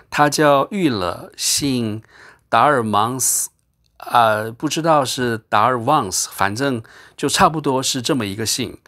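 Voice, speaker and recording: A man's voice: mid-range voice, fairly bright tone, natural voice. Brief: curt, cold ship captain, dismissive tone, voiced by a male reader. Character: cold, impatient middle-aged ship captain.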